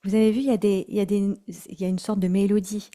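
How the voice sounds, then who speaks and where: A woman teaching mantra chanting in an online workshop, speaking gently with many hesitations and repeated words. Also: mid-range voice, flat delivery, fast. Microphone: video call.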